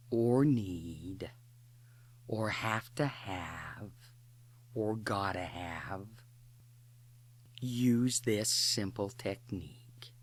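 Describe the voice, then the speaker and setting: A narrator with a medium-pitched voice guides listeners through a slow meditation script of mental imagery. Each phrase is short and deliberate, with pauses separating them.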